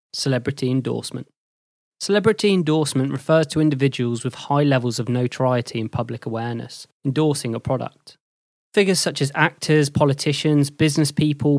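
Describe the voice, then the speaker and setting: A man narrating a scripted lesson as host, in a measured, even way. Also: a little high, dry recording, studio quality. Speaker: host and lecturer.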